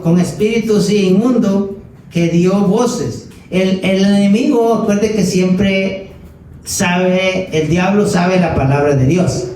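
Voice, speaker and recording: A male pastor preaching a sermon in a church, stretching key words slowly and asking the congregation rhetorical questions. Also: high voice, mellow. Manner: preaching with slow emphatic stresses and rhetorical questions. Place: church sanctuary. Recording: echoey room, mic at a distance, faint ambience.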